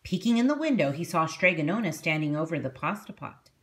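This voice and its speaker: Female read-aloud narrator, teacherly, very lively intonation, expressive storybook delivery for young children. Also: low-pitched, fairly quick.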